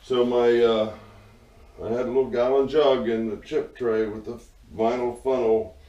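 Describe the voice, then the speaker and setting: A man's voice: mid-range voice, flat delivery, measured pace, warm tone, recorded from a distance, highs cut off. A man narrating a casual workshop vlog as a hobby machinist, rambling along with dry, sarcastic humor. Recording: roomy echo, voice away from the mic.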